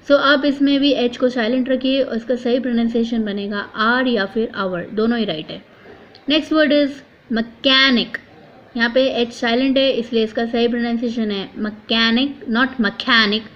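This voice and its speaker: A woman teaching English vocabulary, spelling words out letter by letter and repeating the correct pronunciation. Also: a little high. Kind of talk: vocabulary lesson. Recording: dull lo-fi recording.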